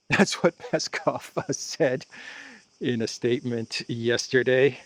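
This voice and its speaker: A man's voice: medium pitch, takes it slowly. A man giving casual solo commentary as host, chatty and sarcastic, with many fillers and restarts, laughing at his own jokes.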